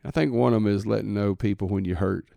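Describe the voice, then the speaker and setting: A man's voice: fairly low pitch, fast, creaky, dark tone, no echo. A man, hosting a casual faith podcast in a folksy, rambling way with fillers and chuckles. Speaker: podcast host.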